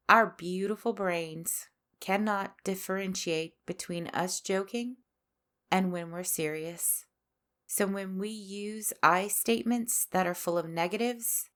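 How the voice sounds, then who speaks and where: A woman's voice: medium pitch, fairly bright tone. A woman hosting a spiritual podcast, delivering a scripted monologue with sass and a preachy edge. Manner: slow, sassy, preachy delivery. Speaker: podcast host. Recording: faint music underneath.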